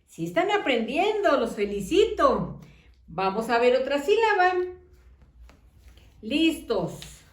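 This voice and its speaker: A high, lively woman's voice that stretches every syllable very slowly. She is teaching children phonics, repeating syllables in a sing-song way and praising often. She sounds a bit away from the mic in an echoey room. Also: recorded from a distance.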